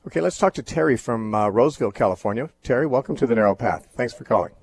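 A man hosting a radio call-in show teaches from the Bible at an unhurried pace, thoughtful and measured. His medium-pitched voice is somewhat husky and a little mellow, with lively intonation, and he often pauses with fillers and restarts sentences. The recording has no echo.

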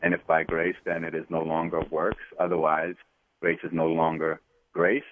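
A man's voice: very deep voice, completely flat delivery, moderate pace, a little hiss or hum. A man from Florida calling in to a radio show over a phone line, hesitant with many ums and restarts. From Florida, USA. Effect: radio show caller over a phone line. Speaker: caller to a radio call-in show. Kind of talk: call-in question to a Bible teacher. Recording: tinny phone line, dry.

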